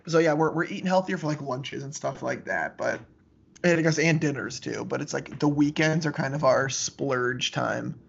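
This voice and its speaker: Male podcast co-host, mid-twenties, hoarse smoker's rasp with gravelly fry, loose conversational delivery, slightly muffled sound. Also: medium pitch, normal speed. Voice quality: smoker's rasp, voice prone to cracking. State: hoarse from a lost voice. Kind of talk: casual chat.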